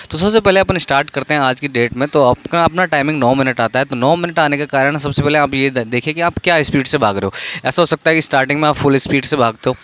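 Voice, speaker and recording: A man's voice: fairly high pitch, fairly bright tone. Man giving casual running advice. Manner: informal, repeats "theek hai", restarts words. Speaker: exam coaching vlogger.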